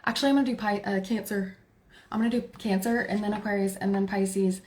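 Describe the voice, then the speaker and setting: In her forties and speaking with a Texan accent, this tarot reader hosts a relaxed livestream, chatty and laughing with viewers and herself. She talks fast in a mid-range, darkish voice with fairly even intonation, and there's slight background noise.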